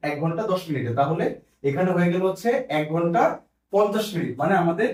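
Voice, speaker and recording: Male tutor, high voice, exam-prep lesson, repeats numbers, roomy echo. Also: expressive, darkish tone, distant mic. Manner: brisk, repeats figures while tallying minutes.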